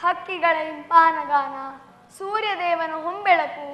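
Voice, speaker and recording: An eager, timid young boy in a stage play, his voice very high and bright, as a woman acts him out. He talks in an earnest, pleading, childlike way. The sound is echoey, with soft music behind. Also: slow pace, exaggerated voice.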